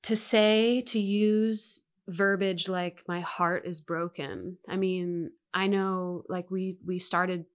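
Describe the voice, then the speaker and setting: A woman's voice: on the low side, steady tone, takes it slowly, hardly any pauses. A woman hosting a podcast interview, asking questions casually and searching for her words. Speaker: podcast host.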